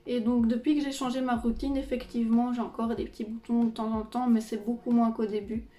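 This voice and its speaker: A woman beauty vlogger talks through her skincare routine in a relaxed, chatty way, stringing thoughts together with fillers. Her voice sits a little high but stays mellow and even. The room around her is echoey, with soft music in the background. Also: a little fast. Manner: chatty, many fillers and "donc". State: pregnant. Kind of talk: casual product review.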